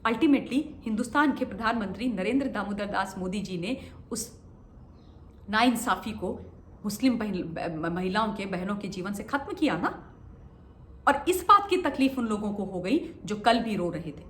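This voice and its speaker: A woman's voice: mid-range voice, animated, normal speed, a bit bright, reverberant, a little hiss or hum. A woman giving impassioned political commentary, emphatic and repeating phrases for stress, often asking rhetorical questions.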